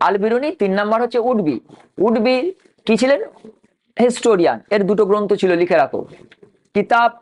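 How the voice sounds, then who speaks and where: A male history teacher with a high voice gives a lecture to prepare students for an exam, dictating names letter by letter and posing questions he then answers himself.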